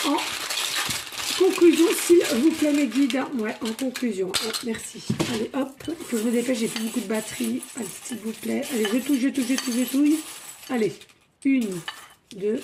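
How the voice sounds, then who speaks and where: Woman, high voice, excitable card reader, chatty, thinks aloud. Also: normal speed, creaky, noisy background. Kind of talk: spiritual card reading.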